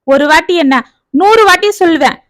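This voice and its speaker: A furious, bitter husband and father rants and scolds his family in a raised voice, as a woman puts him on in a storybook reading. The voice sits high, and the sound is dry and close. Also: fairly quick, pushed and bright, dry recording. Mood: angry. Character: angry, bitter middle-aged husband and father.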